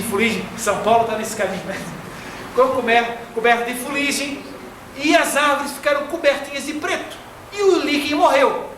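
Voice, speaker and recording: A man from Florianópolis with a Brazilian Portuguese accent, giving a slow, didactic spiritist lecture. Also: very high voice, pushed and bright. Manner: didactic, slow and deliberate, fond of diminutives. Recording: echoey hall from far off, faint noise.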